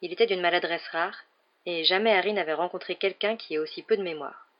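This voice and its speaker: A woman hosting a night-time radio reading, narrating a novel aloud in a calm, even voice. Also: lowish voice, brisk, dull audio. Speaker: radio reader.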